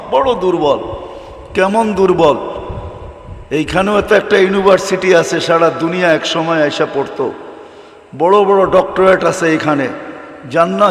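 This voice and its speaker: A man's voice: a little high, fairly bright tone. A man preaching an impassioned Islamic sermon, reciting Arabic and asking rhetorical questions. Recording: echoey hall, reverberant PA sound.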